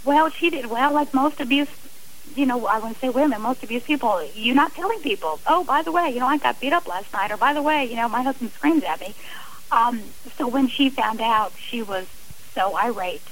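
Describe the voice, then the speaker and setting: A middle-aged woman guest on a radio interview recounts her own experience from the heart, restarting sentences often. Her pitch is fairly high, her speed normal and her tone a bit bright, with a little hiss or hum in a low-quality recording.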